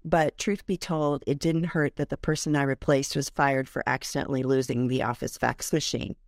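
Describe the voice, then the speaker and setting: A mature woman with a low-pitched voice presents as a podcast host. Her delivery is conversational but prepared, and the sound is close and dry. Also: fairly even intonation, moderate pace, a little mellow, dry recording. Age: middle-aged or older. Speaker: podcast host and benefits compliance professional. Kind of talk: conversational scripted podcast introduction.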